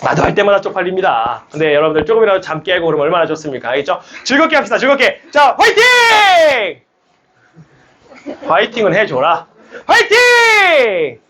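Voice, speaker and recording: A man's voice: high voice, very fast, hardly any pauses, slight background noise. A young man teaching a math academy class, coaxing and rallying his students through the lesson. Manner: lively, coaxing, rallies students with shouts. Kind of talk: classroom lecture. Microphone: speaker amplified mic.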